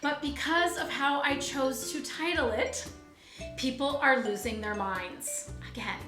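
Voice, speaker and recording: A woman's voice: high voice, a little slow, reverberant, over music. A woman who hosts a food blog show, chatting casually and answering comments with exasperated emphasis and laughter. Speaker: food blogger and show host. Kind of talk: casual chat reading comments.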